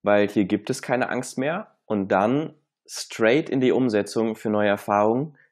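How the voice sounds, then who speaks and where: A man's voice: on the low side, unhurried. A man talking as a guest coach in an interview, giving emphatic motivational advice and mixing in English phrases.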